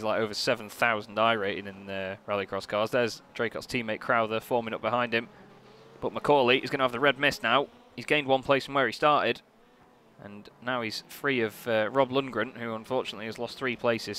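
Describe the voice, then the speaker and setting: A man giving live sim racing commentary as a motorsport commentator, casual, chatty and excitable. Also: fairly low pitch, brisk. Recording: noisy, car engine sound behind. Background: racing car engines.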